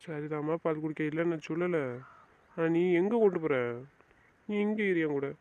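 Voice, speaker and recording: A man's voice: a little high, moderate pace, a little mellow, close to an everyday voice. An actor playing a remorseful young husband who begs his wife not to leave, in a melodramatic drama with slightly dull sound. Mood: pleading. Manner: begging, soothing, insistent. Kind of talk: melodramatic family drama acting.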